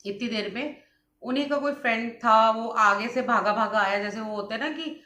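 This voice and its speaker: A woman's voice: on the high side, normal speed, pushed and bright. A young woman, chatting in a casual vlog while unwell after a vaccine, telling stories and mixing in English words. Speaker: vlogger. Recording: echoey room.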